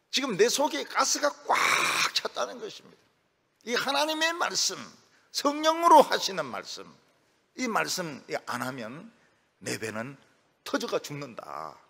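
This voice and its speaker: A middle-aged male pastor preaching a sermon in a lively, storytelling way, acting out the voices of people he quotes. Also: a little high, vocal fry, husky. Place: church sanctuary. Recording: long reverb of a church hall.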